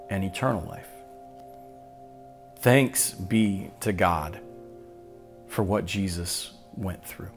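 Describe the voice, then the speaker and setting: A man preaching a solemn sermon as pastor, slow and deliberate, with long pauses between phrases. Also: low-pitched.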